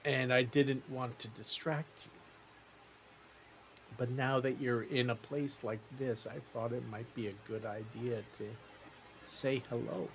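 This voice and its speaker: A man voicing a small, timid, gentle magical creature in tabletop role-play, speaking softly and haltingly in earnest. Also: mid-range voice, steady tone, slight background noise, close to an everyday voice, rough recording. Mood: gentle, hesitant.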